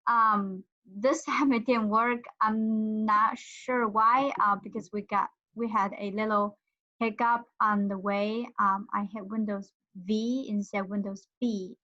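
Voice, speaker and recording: A woman's voice: medium pitch, fairly even intonation, a little slow, pushed and bright. A woman giving a casual tutorial demonstration, thinking aloud with some hesitation. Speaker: instructor. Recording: dull lo-fi audio.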